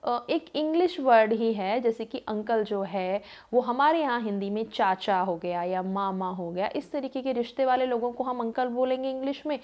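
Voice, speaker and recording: A woman in her thirties tells a personal story in a relaxed, conversational way. Her voice sits a little high, and she leans on fillers. She acts out what others said. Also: moderate pace, few pauses. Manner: chatty, lots of fillers, acts out quoted voices. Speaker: vlogger. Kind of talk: casual storytelling monologue.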